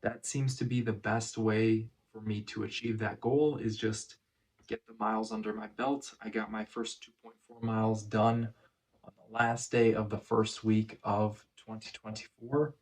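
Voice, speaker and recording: A man talking casually in a first-person vlog recap, phrasing things in a measured, deliberate way with pauses. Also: on the low side, little pitch movement. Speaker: vlogger.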